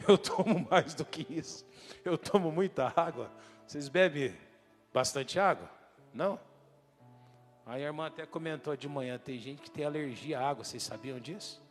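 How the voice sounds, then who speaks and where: Male pastor, lively sermon, questions to the congregation, light music behind. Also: a little high, moderate pace, long reverb tail. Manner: lively preaching, rising loud for emphasis, asks the congregation questions. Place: church hall.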